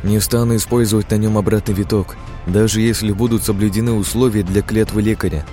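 A man reading a novel aloud in first person, steady and measured. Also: fairly low pitch, soft background music. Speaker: audiobook narrator. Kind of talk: first-person scripted narration.

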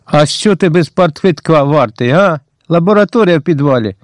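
A man's voice: fairly high pitch, expressive, normal speed, dry recording, voice pushed up, lightly acted. A man voicing a furious middle-aged male party boss who barks threats and curt orders, in a dry audiobook recording. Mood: threatening.

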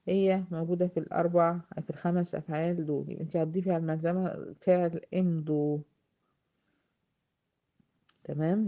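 A woman with an Egyptian accent teaching a tajweed lesson, often asking her students questions and slowly drawing out example words. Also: low voice, highs cut off. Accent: Egyptian Arabic. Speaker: Quran recitation teacher. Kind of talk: tajweed lesson explaining grammar.

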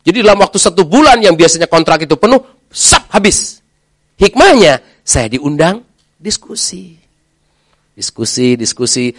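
A middle-aged man, a preacher telling his own story in a lively way and acting out the voices of the people in it. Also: mid-range voice, no echo, clean studio sound. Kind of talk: lively testimony talk.

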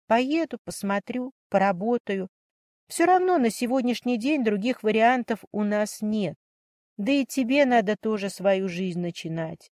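A woman reading an audiobook story voices a calm, determined young woman who speaks steadily and resolutely. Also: medium pitch, no room sound, clean studio sound, natural voice.

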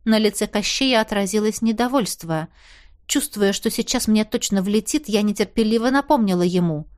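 A woman narrating a fairy-tale audiobook in the first person, with a lively, expressive reading. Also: mid-range voice, moderate pace.

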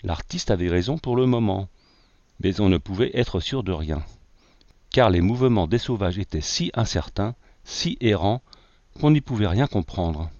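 Low-voiced male audiobook narrator. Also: lively intonation, normal speed, darkish tone, no room sound. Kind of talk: scripted narration of an adventure novel. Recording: dull lo-fi, dry.

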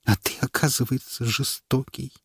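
A man's voice: mid-range voice, steady tone, moderate pace, creaky, a bit bright, husky, dry recording, studio quality, pitched above the performer's own voice, full character voice. A man voicing a tearful, whiny young wife who talks in plaintive sobs. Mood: sulky. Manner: sobbing, plaintive.

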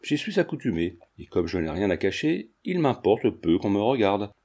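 A proud young woman speaks with quiet resolve, read by a man in an audiobook. Her lines come in a mellow, measured, formal tone, polite but unbending. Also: fairly low pitch, sing-song. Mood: reserved.

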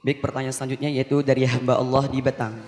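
A man's voice: mid-range voice, monotone, quick pace, a little mellow. A man reading a listener's question aloud to a preacher. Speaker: question reader. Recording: echoey hall with long reverb.

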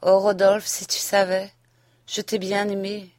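A woman reading an audiobook and voicing a passionate young wife who pleads and then reproaches, a little higher and louder than her narration. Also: monotone, a little slow, dry recording, clean studio sound, lightly acted. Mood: tender. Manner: impassioned, rising to reproach. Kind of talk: audiobook reading of a classic novel.

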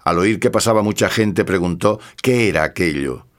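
A man narrating a scripted audiobook in a steady, measured way. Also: deep voice.

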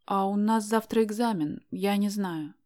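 A woman's voice: medium pitch, unhurried, a little mellow, close to an everyday voice. A woman voicing a shy, conscientious young female student in an audiobook, polite and hesitant. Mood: firm.

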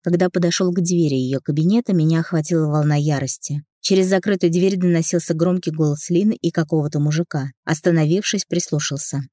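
A woman's voice: low-pitched, fairly quick, few pauses, dark tone, no room sound, studio quality. A woman reading a first-person audiobook, telling a man's story and lightly voicing its characters. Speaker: audiobook narrator.

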